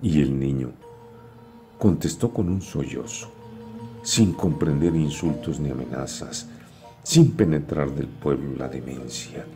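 A man recites a dramatic poem in a theatrical, declamatory way. His voice is extremely low and unhurried, and it rises and falls with lively swings. Soft music plays beneath him. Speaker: poetry reciter.

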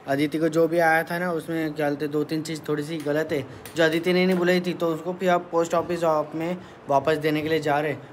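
A man's voice: on the high side, flat delivery, fairly quick, hardly any pauses, a little hiss or hum. A man chatting casually to camera in a family vlog, telling stories and narrating his day. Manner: chatty, talks to camera and coos at a baby. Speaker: vlogger.

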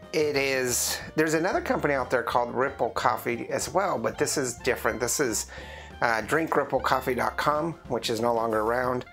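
A man hosting a casual coffee review vlog. He talks in a rambling way, with lots of fillers and restarts, and his voice is rough from the morning. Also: medium pitch, normal speed, fairly bright tone, soft background music. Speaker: host of a drinks review channel.

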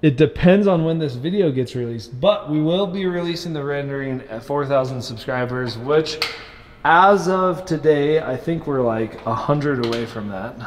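A man's voice: medium pitch, darkish tone, long reverb tail, a little hiss or hum. A man hosting his own vlog, chatting casually and upbeat in a loose, rambling way with asides. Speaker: vlog host documenting a truck build. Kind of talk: casual video diary.

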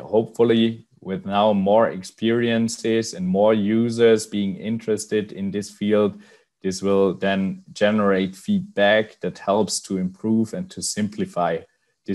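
A man's voice: sits low, a little mellow. A man presenting slides in a webinar from a small office, talking in a hesitant way with many fillers and restarts.

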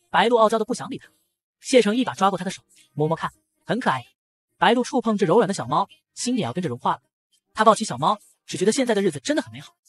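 A man narrating an audio comic in a brisk storytelling manner. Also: sits high.

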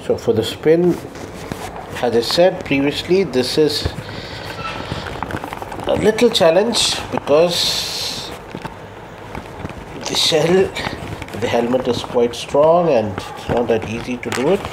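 Sitting on the floor at home, a young vlogger with a voice on the high side explains a how-to casually and step by step. His delivery is halting, with pauses mid-sentence as he works, and steady room noise sits in the background.

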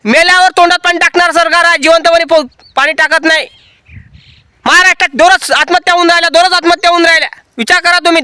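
An angry farmer rails against the government in a very high, piercing voice. His tone is bright and sharp, and the sound is close and dry with no room echo. He speaks outdoors in a cotton field, hammering his points home again and again. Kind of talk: impassioned protest speech to camera.

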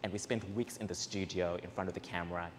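A young man from Zimbabwe, hosting a community event, talks fast about gratitude in a low voice with fairly even intonation. His live speech to the seated audience is earnest, warm and personal, delivered on a handheld mic in an echoing hall with slight background noise.

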